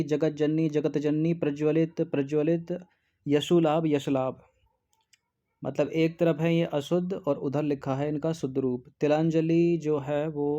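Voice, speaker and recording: A male tutor walks through a test paper methodically, reading each option aloud and ruling it out. His voice is mellow and fairly high, but his delivery stays level and flat. The recording sounds dull and lo-fi. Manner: methodical, reads options aloud and eliminates them one by one. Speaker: exam-prep teacher. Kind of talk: explaining a Hindi test paper.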